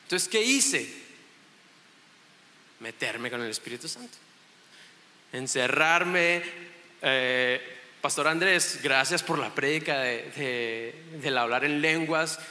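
In an echoey church hall with long reverb, a man in his thirties preaches a casual sermon as a guest. He's from Chihuahua, Mexico, and has a northern Mexican accent. Chatty and self-joking, he restarts sentences often, speaking slowly with frequent pauses in a slightly high, bright, forceful voice.

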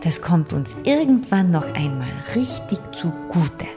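A woman voicing a proud, cheerful little witch girl who exclaims loudly in a storybook reading. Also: fairly low pitch, sing-song, a little slow, music in the background. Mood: boastful.

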